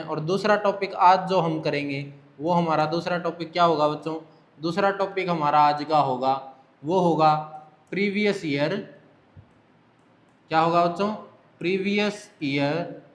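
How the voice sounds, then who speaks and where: A man's voice: a little high, fairly bright tone. A male maths teacher giving an online lesson with an Indian English accent, who keeps asking the children questions and answering them himself. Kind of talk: online class lecture. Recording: echoey room.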